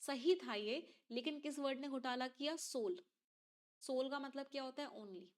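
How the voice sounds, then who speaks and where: A woman teacher with a high-pitched voice talks at a moderate pace in an exam reading-comprehension lesson. She explains a passage step by step and keeps asking her class questions.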